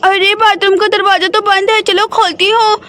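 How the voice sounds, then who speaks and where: A woman voicing a hurried, nagging teenage girl in a doll story. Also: extremely high pitch, level tone. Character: hurried teenage girl, bossy with her sister.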